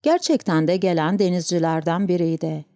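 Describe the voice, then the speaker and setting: A woman narrating an audiobook in a calm, even storytelling manner. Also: on the low side, brisk, dry recording, clean studio sound. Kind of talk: scripted narration.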